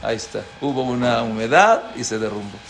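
A man teaching a lively Torah class, asking his listeners questions. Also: medium pitch, fairly quick, soft background music. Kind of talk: animated religious lesson.

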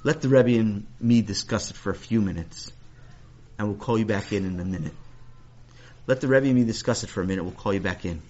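A man doing a calm school principal rabbi. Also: on the low side, brisk, close to an everyday voice. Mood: reassuring. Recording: dull lo-fi recording.

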